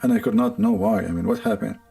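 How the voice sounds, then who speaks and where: A low, gravelly voiced man with an Arabic accent hosts a casual stream, rambling and sarcastic, breaking into laughs. Faint music plays behind him. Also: fast talker, warm tone. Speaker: livestream host. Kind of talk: casual joking monologue.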